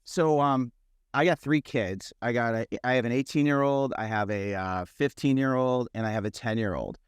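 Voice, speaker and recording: A man's voice: medium pitch, normal speed, smooth, no room sound. Chatty middle-aged man telling a story. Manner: rambling, animated storytelling with restarts. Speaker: podcast host. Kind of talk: casual conversation.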